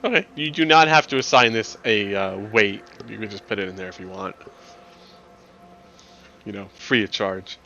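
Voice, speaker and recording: A man's voice: on the low side, normal speed, gravelly, long pauses, pushed and bright, lo-fi sound, a little hiss or hum. A man running a tabletop game as game master, talking in a rambling, chatty way and laughing often.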